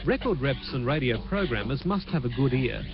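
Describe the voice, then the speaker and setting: A man delivers a TV entertainment news report in a measured, clear voice of middling pitch. The sound is a dull, muffled copy, like a low quality stream of an old broadcast. Music plays steadily behind him. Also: expressive. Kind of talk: TV news report narration with chat to the anchor.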